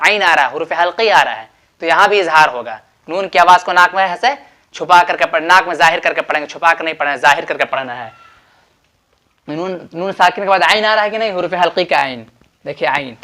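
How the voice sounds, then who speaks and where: A man with an Urdu accent teaches Quran recitation rules in a bright, forceful voice. He explains patiently and repeats himself, stretching out sample words slowly and firing quiz questions at his students. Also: sits high. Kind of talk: tajweed lesson at a board.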